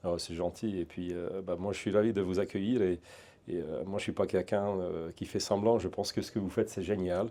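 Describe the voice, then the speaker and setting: Brief: non-native man, Hungarian accent, middle-aged, deep mellow voice, chatty and halting interview guest. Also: steady tone. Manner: halting, many restarts and fillers, chatty. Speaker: guest, security training center founder. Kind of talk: casual interview.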